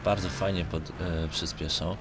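A young Polish gaming video creator chats casually and hesitantly while playing, rambling in colloquial language. His deep voice is steady and a little slow, captured on a noisy home microphone with car engine sounds from the game behind him.

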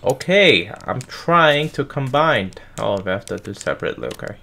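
A man's voice: mid-range voice, moderate pace, creaky, a little hiss or hum. A man doing casual let's-play commentary, talking to himself and swearing when the game startles him. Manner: animated, swears and yelps at game scares. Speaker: gameplay streamer.

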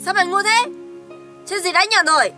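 Woman as a very high, bright, fast-talking young wife, sharp and indignant. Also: faint music behind. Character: scheming young wife eyeing the inheritance. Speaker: daughter-in-law.

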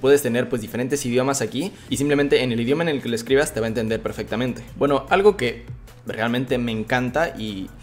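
A young man giving a relaxed, chatty software tutorial, full of fillers and restarts. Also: mid-range voice, brisk, soft background music. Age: young adult. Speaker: tech YouTuber.

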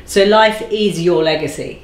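Woman in her forties, low-pitched voice, thoughtful interview talk, roomy echo. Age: 40s. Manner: thoughtful, slows down to stress key phrases. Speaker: interview guest. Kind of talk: reflective conversational interview. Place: bright living room, seated on a sofa.

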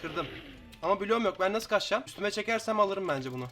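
A teenage boy giving excitable gameplay commentary, chatting to viewers, swearing and shouting at opponents. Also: sits high, fast, soft background music. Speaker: gaming YouTuber.

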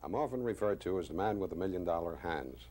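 A man in his sixties, a magician presenting a demonstration with deliberate, showman-like, wryly self-praising patter. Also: deep voice, animated, darkish tone. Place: small indoor studio stage with curtain. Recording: faint background noise.

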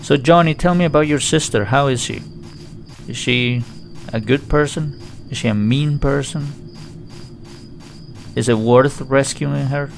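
A man's voice: medium pitch, a little slow, vocal fry, long pauses. A man giving chatty, joking let's-play commentary on a horror game. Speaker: gaming YouTuber.

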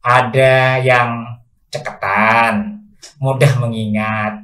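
A man's voice: mid-range voice, steady tone, takes it slowly, a bit bright, echoey room. A man hosting a podcast interview, politely restating his guest's points with many fillers. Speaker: podcast host. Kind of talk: casual interview.

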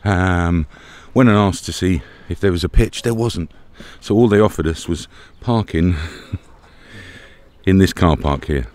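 His voice low and darkish, a middle-aged British man chats to camera for his travel vlog at a campsite, keeping a measured pace. He holds the camera at arm's length, and background noise runs through the outdoor audio.

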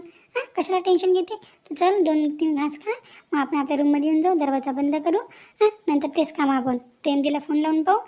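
A woman voices a young village woman in a cartoon family drama, using a high, mellow voice that is lightly acted. She talks in an earnest, chatty, practical manner.

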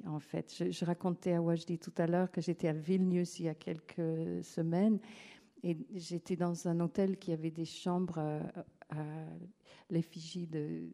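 A woman speaking slowly and thoughtfully in a live stage conversation, her voice very dark and mellow and a touch low. She pauses often, restarts her phrases and searches for words as she reflects aloud. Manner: hesitant, reflective, frequent fillers and restarts. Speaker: guest writer. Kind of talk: onstage literary conversation. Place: theatre stage before an audience. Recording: live event audio capture.

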